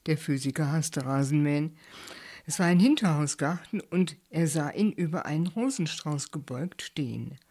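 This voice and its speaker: A woman reading a short story aloud in calm, measured narration. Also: low voice, slightly rough.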